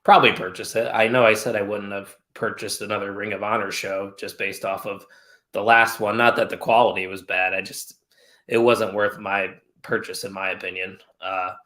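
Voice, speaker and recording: A man hosts a relaxed podcast conversation, clear and forward in tone. He shifts into a playful mock announcer delivery when he reveals winners. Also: lowish voice. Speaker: podcast host. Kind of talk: casual podcast chat.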